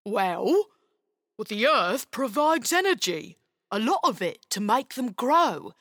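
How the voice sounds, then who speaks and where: A woman voicing a gentle, slightly gruff male ogre who explains things patiently. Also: fairly high pitch, big pitch swings, slow, dry recording, clean studio sound, exaggerated voice.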